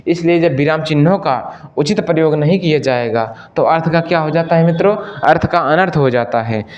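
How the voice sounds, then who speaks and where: Male hindi teacher, slightly high voice, keeps asking questions then answering them, calls everyone friends. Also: highs cut off. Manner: addresses listeners as friends; stretches out example sentences slowly. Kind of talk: exam-prep lesson.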